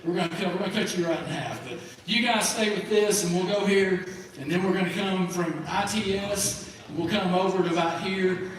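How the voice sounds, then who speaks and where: A higher-voiced man hosts a live show, telling folksy jokes with a lot of repeating. He is heard from far off across a large room, with heavy echo and steady background noise. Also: fairly quick. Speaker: event host telling jokes. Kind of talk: live stand-up joke telling.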